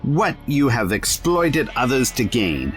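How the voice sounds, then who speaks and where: Playful sardonic time traveller, theatrical delivery, lively swings in pitch, righteous streak, light music behind. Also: male voice, slow pace. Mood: accusing. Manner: wry, sarcastic, theatrical. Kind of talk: audio drama acting.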